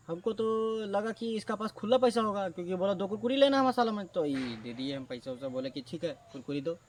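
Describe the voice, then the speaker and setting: A man telling a comic story in a casual, animated way, swinging between loud and hushed. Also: high voice. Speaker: storyteller, channel host. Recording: distant mic with faint background noise.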